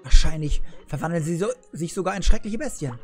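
A man's voice: a little high, expressive, brisk, faint music behind, lightly acted. A man reading as a wise old grandpa kettle. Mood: earnest.

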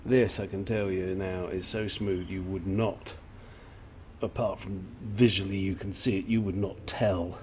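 In his cluttered home garage, an older, sniffly hobbyist engine restorer gives a blunt, chatty, self-deprecating walkthrough of his work. His voice is deep, dark, and flat, with an unhurried pace and a little background noise.

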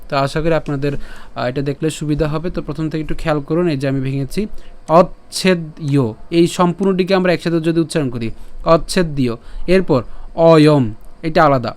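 Male recitation teacher, clear resonant tone and slightly high pitch, patient and repetitive, voicing over slides and sometimes chanting. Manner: patient, repeats each word and syllable slowly, checks with "right?"; chants the verse in a sung melody. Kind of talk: slide-based pronunciation lesson.

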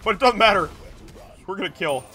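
Tipsy young man with bright voice. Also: high-pitched, lively intonation, fairly quick. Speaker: gaming video creator. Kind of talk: casual gameplay commentary to viewers. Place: small indoor room at a gaming setup.

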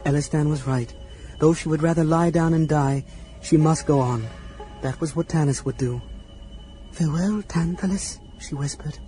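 A man narrating a fantasy audiobook, shifting between shouted lines and hushed whispers for the characters. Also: fairly high pitch, fairly even intonation, moderate pace, faint music behind, rough recording. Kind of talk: dramatic audiobook reading.

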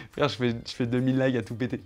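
A man's voice: mid-range voice, little pitch movement, fast talker, soft background music. A man in his home office chatting casually to camera, showing off his setup and teasing his cameraman in a playful, joking way.

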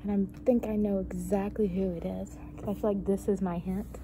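A woman's voice: mid-range voice, little pitch movement, moderate pace. A young woman chatting casually and exclaiming as a student vlogger in a large indoor room. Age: young adult. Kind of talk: casual chat. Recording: noisy room ambience, camera mic.

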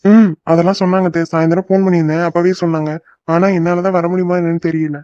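A woman's voice: on the low side, level tone, quick pace, warm tone, no room sound, lightly acted. A woman voicing a dutiful, homesick young son who works away from home, speaking earnestly and reluctantly. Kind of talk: cartoon voice acting. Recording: dull lo-fi dry recording.

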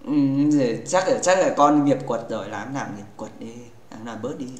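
A man's voice: medium pitch, expressive, normal speed. A man hosting a gaming livestream in casual chat, playful and teasing with his viewers, rambling and restarting his sentences. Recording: echoey room.

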